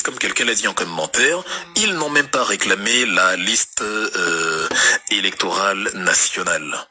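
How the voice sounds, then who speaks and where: Man, light cameroonian french accent, livestream political monologue, emphatic, repeats and restarts, low-pitched, faint background noise. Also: pushed and bright. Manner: emphatic, repetitive, stammering restarts. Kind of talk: impassioned political monologue reacting to viewer comments.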